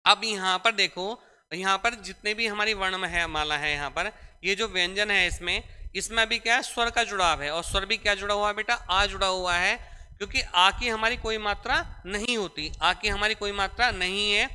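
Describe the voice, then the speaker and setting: A young man with a smooth, sharp, high-pitched voice speaks at a moderate pace while lecturing on grammar. He goes step by step, repeats the main points and calls students "beta", and the recording has the long reverb of an echoey room.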